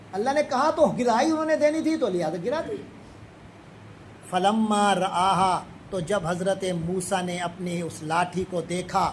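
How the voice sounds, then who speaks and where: High-voiced man teaching scripture. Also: slight background noise, poor audio. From Pakistan. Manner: recites Arabic slowly, then explains quickly in plain speech. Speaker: Quran teacher. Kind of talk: Quran commentary lesson.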